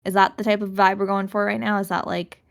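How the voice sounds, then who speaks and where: A woman's voice: mid-range voice, flat delivery, fast, vocal fry. A woman playing a tabletop game, talking casually and filling her questions with "like". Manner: chatty, lots of "like". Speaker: player. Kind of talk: casual tabletop role-play.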